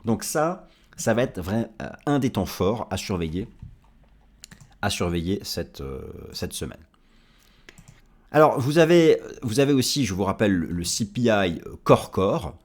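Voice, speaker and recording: A man's voice: fairly low pitch, sing-song, unhurried, a little mellow. A man giving market commentary as an analyst, explaining charts and speaking directly to viewers.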